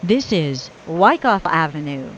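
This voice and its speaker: A woman's voice: low voice, sing-song, unhurried, slight background noise. A woman reading recorded train announcements in stilted, spliced-together phrases. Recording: dull lo-fi train speaker recording.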